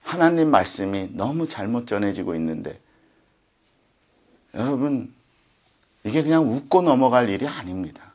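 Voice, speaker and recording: A man's voice: medium pitch, big pitch swings, normal speed, long pauses, breathy edge, muffled recording. A man preaching a sermon as pastor, speaking in an indignant, impassioned way.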